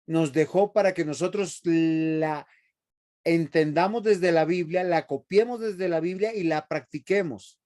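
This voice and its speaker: A man's voice: a little high, unhurried, darkish tone. A man teaching a seminary Bible class, emphatic and often asking the class rhetorical questions.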